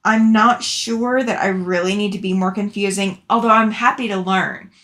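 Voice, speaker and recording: Casting: woman, mid-pitched voice, affectionate and chatty, informal livestream host replying to comments. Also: fairly even intonation, normal speed, a bit bright. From Alabama, southern US. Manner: chatty, affectionate with viewers, laughs often. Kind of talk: casual chat, reading out and answering live comments.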